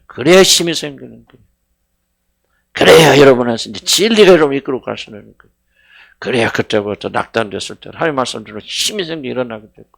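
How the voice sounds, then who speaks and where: A middle-aged man preaching a sermon as senior pastor, fervent, swinging between loud cries and hushed words, questioning his congregation. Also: medium pitch, vocal fry. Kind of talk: sermon at a Friday prayer meeting.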